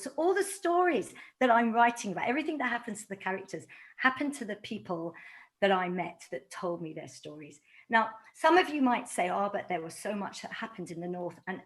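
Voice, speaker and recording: Woman author telling stories in a lively talk. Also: mid-range voice, brisk. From London. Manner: animated storytelling, acts out quoted dialogue. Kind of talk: lecture to a community audience.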